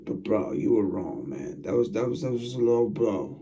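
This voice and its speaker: An American channel host speaks casually to his viewers, looking straight into the camera as he rambles and repeats himself. His voice is on the low side and very animated, at a normal speed. He's far from the mic, with background noise behind him.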